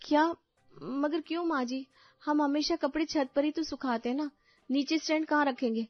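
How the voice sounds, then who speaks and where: A woman's voice: sits high, steady tone, normal speed, no room sound, voice pushed up, lightly acted. A woman voicing a meek young daughter-in-law in a cartoon story, polite and pleading. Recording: dull dry voice-over with faint music.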